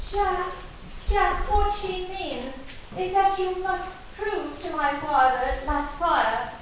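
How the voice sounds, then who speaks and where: Woman as earnest young pantomime sweetheart, extremely high and unhurried, heard from afar in an echoey hall. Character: earnest lovelorn young pantomime heroine, squire's daughter. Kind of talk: stage pantomime acting. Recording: very echoey hall, distant mic, faint noise.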